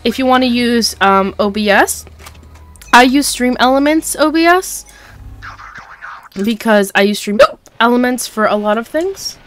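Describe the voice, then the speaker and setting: A woman's voice: on the high side, a little slow, fairly bright tone, faint music behind. A woman streaming a game live, chatting casually and swearing, with hiccups.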